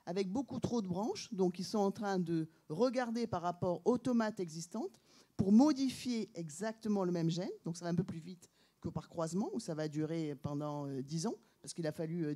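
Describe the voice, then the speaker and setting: A woman's voice: on the low side, normal speed, mellow. A woman scientist on a panel, explaining plainly to a public audience with some hesitations and corrections.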